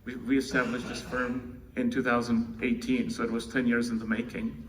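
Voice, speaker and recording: Speaking at normal speed with a level, medium-pitched voice, a man from the Czech Republic introduces a co-founder in an informal conference talk, his Czech accent audible. It's recorded indoors on a distant mic with faint noise and room sound.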